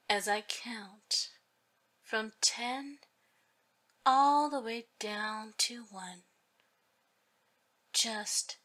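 A woman whispering a guided hypnosis session in slow, soothing, drawn-out phrases. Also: a little high, pushed and bright.

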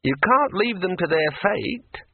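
A man voicing a chatty, bossy talking magic sword with a high, ringing voice and a pushy, self-important drawl. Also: very animated, measured pace, husky, no room sound, heavily acted. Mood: pushy, breezy. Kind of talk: audiobook character voice. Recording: tinny dry radio recording.

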